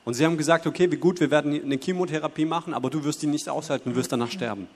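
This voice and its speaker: With a steady tone and rapid-fire delivery, a man whose voice is on the high side interprets a church message into German for the congregation in the hall. It comes phrase by phrase, with the odd self-correction, and the hall reverb is long.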